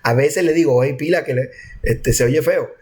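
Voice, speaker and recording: A man from Colombia's Caribbean coast teaching programming, his voice pitched a touch high. He talks in a loose, joking way and often restarts his sentences. He sounds like he is on a video call. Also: moderate pace, darkish tone. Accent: Colombian coastal Spanish. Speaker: programming instructor. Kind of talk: online class talk.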